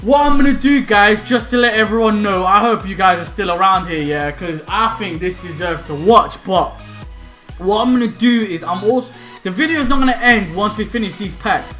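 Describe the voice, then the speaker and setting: A young male gaming YouTuber with a high-sitting voice and moderate pace hypes up a pack opening at home, shouting, laughing and tossing out slangy banter. He's in a small indoor room with faint music playing in the background.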